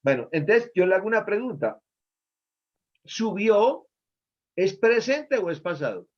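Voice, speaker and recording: A man's voice: high voice, sing-song, measured pace. A man, a pastor, leading a Bible study and quizzing his listeners on verb tenses. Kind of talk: Bible study lesson with questions to students. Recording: dull lo-fi recording.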